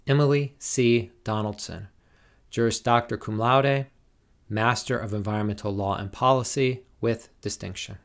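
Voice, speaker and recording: A man formally reading out graduates' names and degrees at a commencement, in a slow, measured, deliberate way. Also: medium pitch, fairly even intonation. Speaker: commencement name reader.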